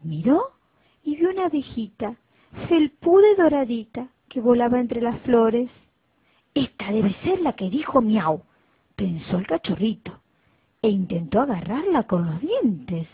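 A woman reading a children's story aloud, slow and expressive. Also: a little high, breathy edge, no room sound. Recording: tinny phone-like dry recording.

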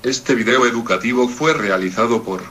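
A man with a very bright, forward voice at a middle pitch narrates an educational piece for young children. He reads from a script as a primary school teacher would, keeping the address simple and instructive. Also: moderate pace.

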